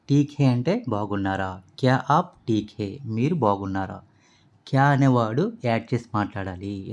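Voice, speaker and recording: A man's voice: on the low side, a little mellow. A man teaching as a language tutor, patiently explaining phrases word by word and repeating each one.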